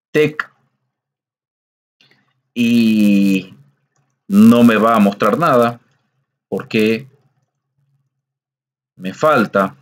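Slow, patient man teaching. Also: medium pitch. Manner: patient, slow, explains step by step, frequent "¿sí?" checks. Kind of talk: screencast coding lesson.

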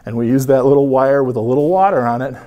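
A man's voice: medium pitch, fast talker, highs cut off. A man guiding a tour through a film factory, explaining things in a friendly way. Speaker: factory guide. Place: factory floor.

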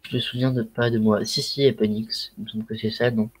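A man's voice: on the low side, level tone, fairly quick, slightly rough. A man with a Ch'ti accent chatting casually on a livestream through a headset mic, rambling with lots of fillers and slang. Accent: Ch'ti (northern French). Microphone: headset microphone.

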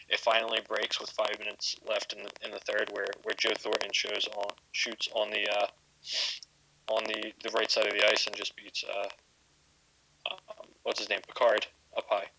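Low, bright-toned man breaking down hockey. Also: a little hiss or hum, poor audio. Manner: analytical, stammers on repeated words. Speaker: podcast co-host. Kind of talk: casual sports analysis.

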